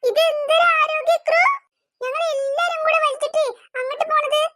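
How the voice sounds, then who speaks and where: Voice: fairly even intonation, a little fast, pushed and bright. A voice artist voicing chattering, playful cartoon kids. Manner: squeaky, chattering.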